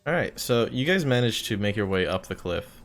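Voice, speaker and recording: A man's voice: lowish voice, very animated, a little fast, faint music behind. A man narrating a tabletop game as game master on a live stream, casual, swearing and using filler words.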